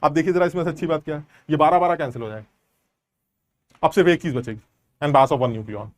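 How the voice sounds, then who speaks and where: Male tutor, high voice, dry close sound, explains and quizzes the class. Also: fairly quick, no room sound. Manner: explains step by step, asks students rhetorical questions. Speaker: chemistry teacher. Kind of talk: online class lecture.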